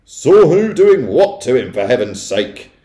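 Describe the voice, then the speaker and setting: A man voicing a large, coarse, pushy middle-aged father in a storybook, brusque, indignant and shouting. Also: medium pitch, big pitch swings, moderate pace, voice pushed up, lightly acted. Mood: outraged. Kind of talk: children's storybook character voice. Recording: echoey room.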